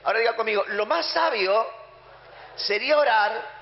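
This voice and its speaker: A man's voice: very high-pitched, expressive, moderate pace, a little hiss or hum. A man with an Argentine accent preaching a sermon emphatically, acting out the prayers and orders he talks about. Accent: Argentine Spanish. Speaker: pastor. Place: church hall. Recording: muffled sound in a reverberant hall.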